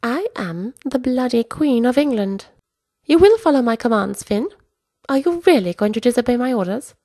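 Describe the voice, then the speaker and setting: A woman's voice: fairly high pitch, animated, moderate pace, warm tone, voice pushed up. A woman voicing an imperious elderly queen who barks commands in a haughty manner. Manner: haughty, barking orders.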